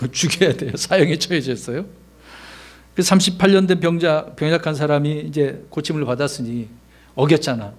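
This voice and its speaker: Middle-aged pastor guy preaching, chatty, throws lots of questions at the room, slightly high voice. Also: moderate pace. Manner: conversational preaching with rhetorical questions, acts out quoted lines. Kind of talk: sermon.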